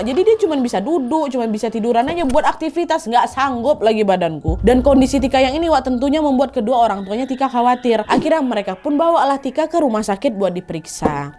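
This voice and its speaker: A woman host telling a horror story in a chatty, expressive way, often calling her listeners "wak". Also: sits high. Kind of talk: casual horror story narration.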